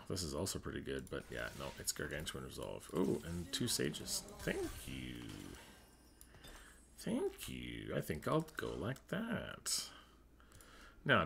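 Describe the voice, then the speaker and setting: A man's voice: on the low side, creaky, fairly bright tone, slight background noise. A man giving casual commentary while he plays a game, thinking aloud and muttering to himself. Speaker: gaming streamer.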